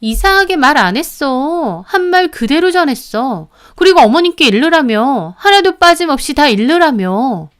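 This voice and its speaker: A woman's voice: high voice, sing-song, normal speed, hardly any pauses, pitched above the performer's own voice. A woman voicing a smug older sister-in-law who needles and denies. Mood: needling.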